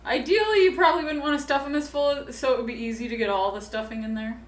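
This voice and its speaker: A woman's voice: high voice, quick pace. Chatty woman cooking, roomy and distant. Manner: chatty, upbeat, laughing asides. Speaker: co-host. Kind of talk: casual chat while cooking. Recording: echoey room, mic far off.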